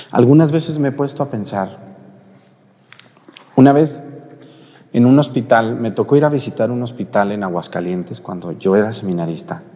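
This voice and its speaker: A middle-aged priest with a Mexican accent preaches a sermon, telling a story and speaking straight to the congregation. His voice is warm and mellow. It rings with a long reverb in a church. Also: fairly low pitch. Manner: storytelling, direct address to the congregation.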